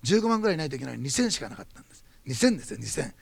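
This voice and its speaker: Fast-talking pastor guy telling a story in a sermon, gravelly and fairly high voice. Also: very animated, dry recording. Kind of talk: sermon testimony.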